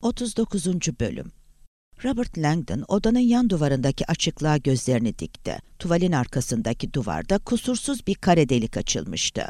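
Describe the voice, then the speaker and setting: A man narrating an audiobook in a dramatic, expressive reading style. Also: fairly high pitch, normal speed, no room sound, clean studio sound. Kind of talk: scripted narration.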